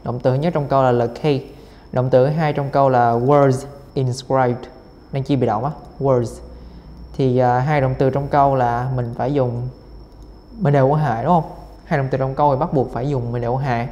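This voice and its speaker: A man's voice: mid-range voice, fairly even intonation, normal speed, mellow, muffled recording. A man teaching English as he works through exam questions, repeating each word over and over with many fillers. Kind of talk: exam-solving lesson. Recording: reverberant room, faint noise.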